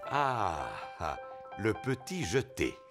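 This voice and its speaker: A man voicing an easygoing, good-natured father pig with a booming voice in a children's cartoon. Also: sing-song, slow pace, music in the background. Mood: jovial. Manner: chuckling, good-natured, patient. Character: jovial daddy pig, easygoing middle-aged father.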